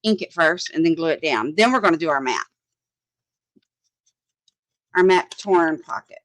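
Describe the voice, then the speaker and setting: A woman's voice: sits low, animated, measured pace, dry recording, poor audio. A woman, chatting casually as she works on a craft project, thinking aloud, often laughing, and answering viewers' comments. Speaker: crafting livestream host.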